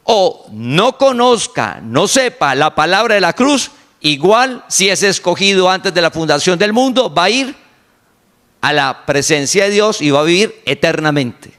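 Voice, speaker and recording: A man preaching a sermon to his congregation, repeating key phrases slowly for emphasis. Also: sits high, fairly bright tone. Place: online congregation meeting.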